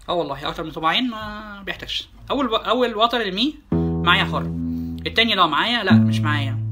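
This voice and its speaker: Fast-talking Egyptian man teaching guitar, bright tone, faint guitar underneath. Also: sits high. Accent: Egyptian Arabic. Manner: explains step by step, naming notes and repeating them. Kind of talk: guitar lesson.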